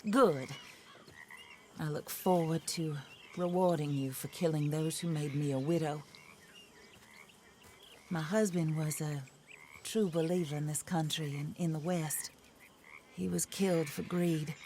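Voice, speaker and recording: In a western video game, a cold, commanding widow lays out her revenge plans, formal and exacting, never raising her voice. Her voice is low, measured and steady with a darkish tone, and a faint outdoor ambience adds slight background noise.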